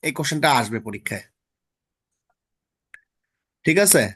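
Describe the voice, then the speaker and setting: A man's voice: fairly high pitch, animated, moderate pace, fairly bright tone, breathy edge. Casual man tutoring exam topics. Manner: casual, checks in often with students. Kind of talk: online exam-prep lesson.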